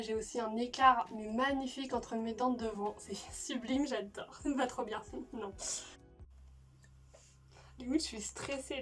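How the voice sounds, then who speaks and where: Young female reaction vlogger, higher-pitched, slushy lisp, casual gushing slang, slightly distant mic. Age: late teens, young adult. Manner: stiff upper lip from mouth swelling; gushing, informal slang, repeats phrases. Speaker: reaction video host. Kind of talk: casual excited video chat.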